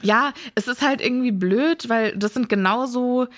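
A woman's voice: fairly high pitch, moderate pace. A woman co-hosting a casual chat, retelling a chapter and acting out lines. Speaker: podcast co-host.

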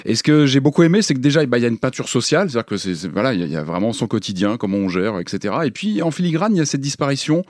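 A man talking casually as a podcast co-host, often pausing to search for words. His delivery is tentative and relaxed. The recording is dry and close to the mic. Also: medium pitch, no room sound. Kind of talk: casual chat.

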